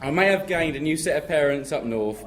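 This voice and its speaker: A young man from England, speaking as the groom at his wedding reception, joking and then thanking family warmly. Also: a little high, lively intonation, a little fast. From southern England. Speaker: groom giving a wedding speech. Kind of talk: wedding speech to guests. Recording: loud crowd and noise at a reception. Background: laughing guests.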